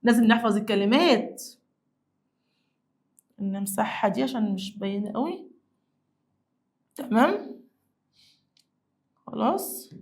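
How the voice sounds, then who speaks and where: A young woman with an Egyptian Arabic accent teaching an English lesson to children, coaxing them along and repeating words slowly. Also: a little high, lively intonation, darkish tone. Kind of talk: classroom lesson explaining vocabulary.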